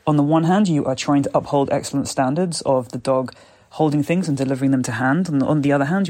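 Casting: British male podcast host and trainer, mid-pitched, conversational and explanatory, captured as a plain dictaphone recording on a phone. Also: a little mellow. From Britain. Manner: chatty, explanatory. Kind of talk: casual solo podcast talk. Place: parents' house. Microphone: mobile phone voice recorder.

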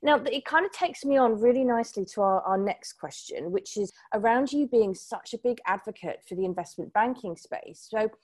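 A woman's voice: fairly high pitch, moderate pace, few pauses, darkish tone. A woman hosting a podcast, enthusiastic and effusive as she responds to her guest. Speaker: podcast host. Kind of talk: interview hosting.

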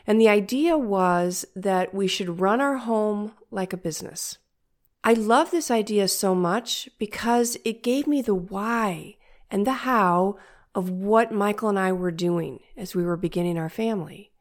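Older female podcast host, nasal and congested, mid-range pitch, measured and instructive delivery for a coaching monologue. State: stuffed-up head from illness.

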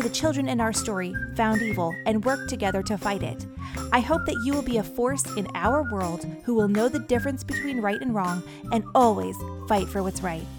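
A woman with a slightly high voice narrates a children's story as its host. Her delivery is gentle and encouraging, in a scripted, storytelling manner. Faint music plays softly behind her.

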